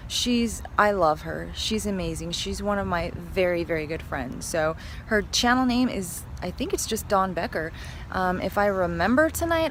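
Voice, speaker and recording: A woman's voice: medium pitch, a little hiss or hum. A woman vlogging while walking outdoors, chatty and upbeat, with many fillers and a little out of breath. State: slightly out of breath. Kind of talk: casual vlog chat. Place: outdoors on a walk.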